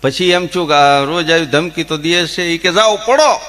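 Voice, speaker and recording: Animated comic storyteller, man. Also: on the high side, moderate pace. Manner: animated, acts out voices and stammers in jokes. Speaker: comedian. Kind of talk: Gujarati folk comedy storytelling.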